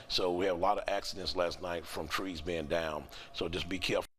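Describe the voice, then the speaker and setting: A man's voice: deep voice, steady tone, a little fast, a bit bright. A man sheriff giving plain-spoken safety advice in a news interview.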